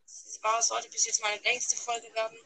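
A woman's voice: a little high, monotone, normal speed, gravelly, bright, forceful tone, no echo, low-quality recording. A woman on a casual podcast, telling jokes with a punchline delivery.

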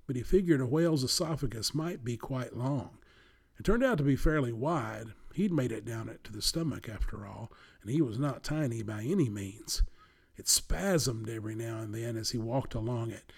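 Gravelly-voiced man reading a children's story. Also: mid-range voice, a little mellow.

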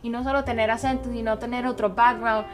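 A woman's voice: on the high side, level tone, quick pace, music in the background. A woman from Italy, speaking Spanish with an Italian accent, candidly telling a personal story as a guest.

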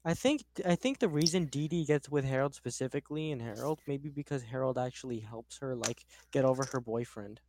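A man's voice: mid-range voice, lively intonation, a little fast, few pauses, background noise. A young man co-hosting a casual chat, rambling with many filler words. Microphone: own microphone on a tripod.

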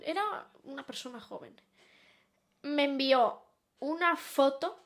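Young woman co-host, high voice, quick dry quips. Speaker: podcast co-host. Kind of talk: casual chat.

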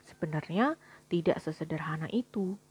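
A woman voicing a calm, patient angel who explains things evenly, in a storybook reading, with a breathy voice. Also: mid-range voice, moderate pace, voice pushed down.

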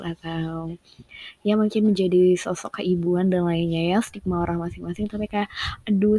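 Young woman, soft heartfelt vlog talk, slips into whispers, dry close sound. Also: mid-range voice, husky, no room sound. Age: young adult. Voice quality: often drops to a soft whisper. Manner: soft, emotional, thankful, with frequent fillers and laughs. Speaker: university student. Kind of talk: personal vlog monologue.

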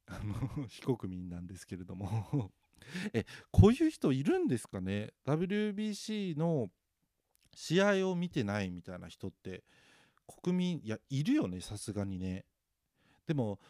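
A man's voice: on the low side, darkish tone, no echo, clean studio sound. A man chatting alone, self-mocking and rambling, with many fillers. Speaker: podcast host. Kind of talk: casual solo chat.

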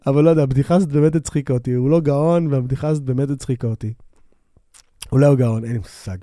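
A man's voice: medium pitch, steady tone, mellow, no room sound, clean studio sound. A man hosting his own podcast, talking casually into a microphone on a stand, rambling with many fillers and restarts and often poking fun at himself. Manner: self-deprecating and quick to laugh. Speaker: podcast host; bassist. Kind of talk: casual solo podcast monologue. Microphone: new microphone on a stand.

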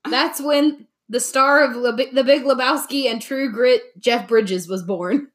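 A young woman runs a playful quiz in a relaxed chat. Her voice is slightly high, and she laughs easily at her own jokes as she reads out the options. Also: unhurried. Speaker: podcast co-host, quiz asker. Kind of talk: casual trivia chat.

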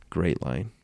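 A man hosts a casual solo podcast, sounding congested and nasal because he's ill, and he rambles in a self-aware way. His voice has a dark tone, with no echo.

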